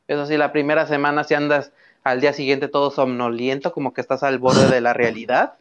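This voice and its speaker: A man chatting casually with friends, his speech wandering and full of restarts. His voice is smooth and resonant. The mic is muffled and lo-fi. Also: mid-range voice, little pitch movement, a little fast. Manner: rambling, self-correcting. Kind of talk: casual voice chat.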